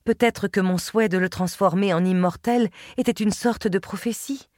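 A woman's voice: mid-range voice, no room sound. Woman narrating an audiobook, dry close sound. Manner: measured, expressive first-person telling.

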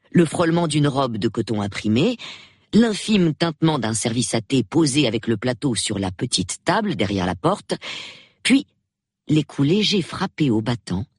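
A man reading a novel aloud with expressive, dramatic storytelling. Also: medium pitch, husky, dry recording, studio quality. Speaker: audiobook narrator. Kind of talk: scripted narration.

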